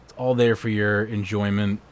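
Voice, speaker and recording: A man with a hoarse voice, hosting and wrapping up a livestream in a casual, rambling way. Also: fairly low pitch, flat delivery, moderate pace. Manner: rambling, laid-back. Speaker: livestream host. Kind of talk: casual stream sign-off chat.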